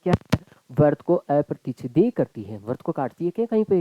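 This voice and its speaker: A man's voice: on the high side, very animated, brisk, dull audio, noisy background. A man teaching a maths class online, chatty and joking, calling his students "beta" and "bhai".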